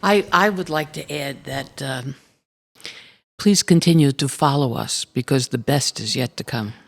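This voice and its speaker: A woman's voice: very deep voice, measured pace, creaky. Encouraging woman artist. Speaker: artist guest. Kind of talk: conversational panel talk.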